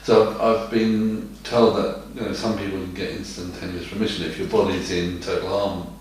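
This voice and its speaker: A man's voice: sits low, flat delivery, moderate pace. A man reading out questions at a healing session, hesitant and stumbling over restarts. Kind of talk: casual chat, reading out questions. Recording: very echoey room, far from the mic.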